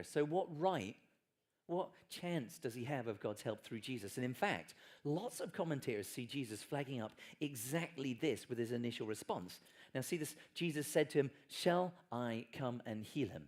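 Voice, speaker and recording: A man preaching a sermon in church, animated and playful, acting out quoted lines. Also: medium pitch. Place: church hall.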